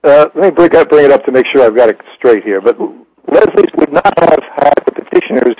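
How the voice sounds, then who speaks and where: A man chairing a meeting and reading motions aloud, his voice breaking up and sounding underwater over a bad phone connection, with halting fillers and restarts. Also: fairly high pitch, expressive, noisy background. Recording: muffled lo-fi phone line.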